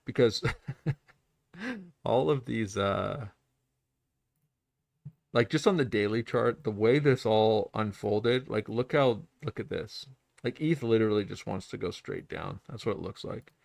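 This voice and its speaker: A man with a low, gravelly voice hosts a trading livestream, thinking aloud over his charts. He rambles, circles back and fills pauses with ums. The sound is close and dry, with no room around it. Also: a little mellow, dry recording. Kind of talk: casual livestream chart commentary.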